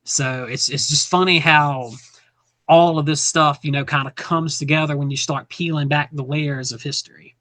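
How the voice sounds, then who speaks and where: Male podcast guest, bright forward tone, relaxed and knowledgeable, close dry mic. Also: fairly high pitch, normal speed, no echo. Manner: easygoing, informative, with light humor. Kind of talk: casual podcast chat.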